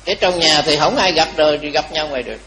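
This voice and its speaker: A man giving a Buddhist dharma talk, telling a story lively and asking the audience questions. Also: a little high, fast, a little hiss or hum, rough recording. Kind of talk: storytelling sermon.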